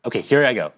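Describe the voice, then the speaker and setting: A man presenting in a live product demo, chatting casually and animatedly with an AI assistant. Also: mid-range voice.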